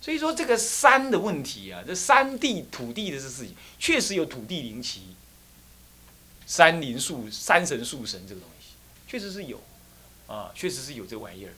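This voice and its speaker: Animated storytelling Buddhist monk. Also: male voice, mid-range voice, normal speed, breathy edge. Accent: Taiwanese Mandarin. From Taiwan. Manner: animated, laughing, acts out characters and sound effects. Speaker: Buddhist monk, temple abbot. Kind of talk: storytelling dharma lecture.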